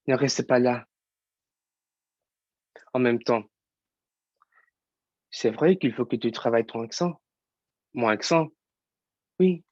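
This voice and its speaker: A man's voice: mid-range voice, dry recording, muffled recording, natural voice. A young man acting a frustrated young actor in a stage monologue, firing off urgent, agitated questions. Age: young adult. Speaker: student actor.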